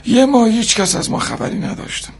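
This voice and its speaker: Raspy, jovial older man. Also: very high voice, exaggerated voice. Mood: nostalgic. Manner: nostalgic, chuckling. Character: jovial older man reminiscing about wild youth. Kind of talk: cartoon dub acting.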